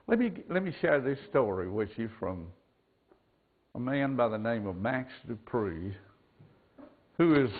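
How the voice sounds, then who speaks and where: A male pastor preaching a sermon into a pulpit microphone, slow and deliberate, dropping to a hush and swelling up again. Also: lowish voice. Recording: tinny lo-fi church recording.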